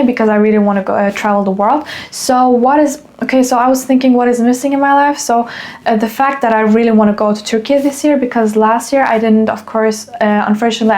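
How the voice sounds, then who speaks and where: A woman's voice: fairly high pitch, a little mellow. Young woman rambling in a solo podcast. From Germany. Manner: rambling, many fillers and restarts. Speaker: podcast host. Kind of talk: casual solo podcast monologue.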